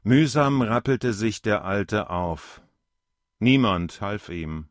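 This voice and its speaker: A man narrating a literary short story in a calm, measured reading. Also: lowish voice, dry recording, clean studio sound.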